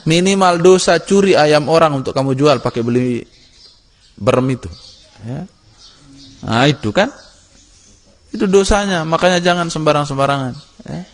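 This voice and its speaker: A man's voice: a little high, moderate pace, pauses often. A man teaching an Islamic study lesson, telling stories vividly and asking his class questions. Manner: animated storytelling, acts out characters, asks the class questions. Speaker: religious teacher.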